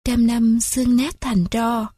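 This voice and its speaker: A melancholy spider sighs out his words, dreamy and mournful, voiced by a woman. Her voice is husky and sits on the higher side, in a dry, close recording. He is a sad figure from a storybook fable. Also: level tone, slow pace, dark tone, dry recording.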